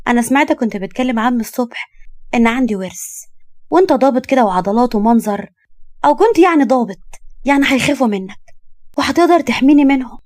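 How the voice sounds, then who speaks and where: A woman voicing a bold, teasing young woman in her twenties, with an Egyptian accent and quick comebacks. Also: fairly high pitch, animated, darkish tone, no room sound, clean studio sound, pitched above the performer's own voice, close to an everyday voice. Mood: cheeky.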